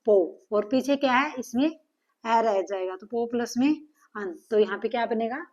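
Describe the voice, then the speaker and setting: A woman's voice: fairly high pitch, unhurried, darkish tone. A woman teaching a grammar lesson, patiently asking questions and answering them herself. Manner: patient, asks and answers her own questions. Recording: dull lo-fi sound.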